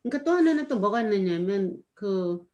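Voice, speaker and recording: A woman's voice: medium pitch, lively intonation, fairly quick, darkish tone. A woman in casual chat, rambling as she recounts something she saw, with frequent filler words and a reflective tone. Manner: rambling, full of "이렇게" fillers. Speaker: storyteller recounting a performance.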